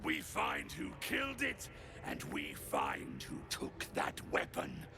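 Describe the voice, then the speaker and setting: Gravelly, sly, very deep hobgoblin. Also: male voice, wildly swooping pitch, slow, over music, heavily acted. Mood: gruff, determined. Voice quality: gravelly, growling. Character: gravelly, sly, brutish male hobgoblin zealot. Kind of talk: fantasy video game acting.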